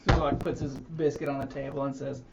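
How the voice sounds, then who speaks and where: A man's voice: medium pitch, level tone, fairly quick, creaky, distant mic. A man playing a tabletop game, describing his character's actions in a matter-of-fact way. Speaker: player. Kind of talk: tabletop role-play. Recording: muffled stream audio with noise.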